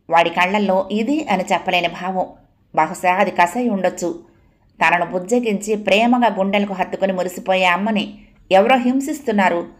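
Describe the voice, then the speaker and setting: A woman reading a novel aloud as dramatic, expressive audiobook narration. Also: mid-range voice.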